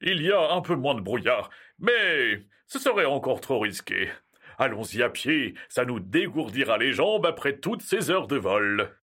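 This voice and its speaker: A man playing a jolly, carefree old Father Christmas in an audio story, calm and reassuring. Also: medium pitch, a little slow, breathy edge, exaggerated voice. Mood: jovial.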